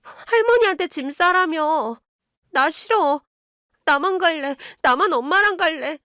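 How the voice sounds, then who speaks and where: A woman's voice: sits high, sing-song, unhurried, no echo, studio quality, full character voice. A woman voicing an anxious daughter who pleads tearfully with her mother. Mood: pleading.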